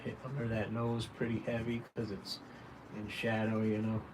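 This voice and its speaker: Clearly noisy room sound surrounds a fairly low, monotone male voice moving at a moderate pace. He is a caricature artist hosting a drawing livestream, offering a casual, homespun tutorial and encouraging viewers as he speaks to them directly.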